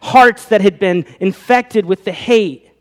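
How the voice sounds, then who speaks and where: A man's voice: sits high, slow pace. A pastor preaching a sermon, asking his listeners rhetorical questions, his voice rising and falling. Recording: long reverb of a hall.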